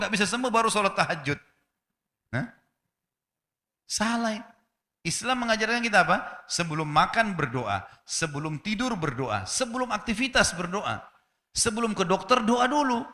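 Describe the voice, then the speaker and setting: A man preaching with a high, bright, ringing voice. He speaks to his listeners as friends and poses pointed rhetorical questions. His words trail off into a long hall reverb. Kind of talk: sermon.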